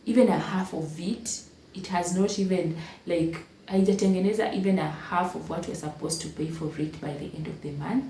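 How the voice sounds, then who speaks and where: A young Kenyan woman recounts a hard stretch of her life in a low, mellow voice, stressing points by saying them again and again. She sounds a little away from the mic, in an echoey room with a faint hum behind her. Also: normal speed, distant mic. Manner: emotional, code-switches into Swahili, repeats phrases for emphasis. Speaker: vlogger telling her life story. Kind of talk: casual storytelling to camera.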